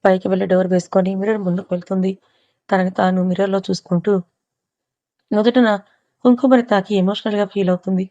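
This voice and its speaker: A woman narrating a romance novel aloud in a steady storytelling manner. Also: mid-range voice, fast talker, long pauses, dry recording, lo-fi sound. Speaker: audiobook narrator.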